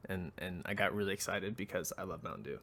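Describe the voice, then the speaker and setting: A man's voice: low-pitched, fast, fairly bright tone, slight background noise. A man co-hosting a podcast, chatting casually in a rambling, joking way. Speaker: podcast co-host. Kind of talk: casual chat.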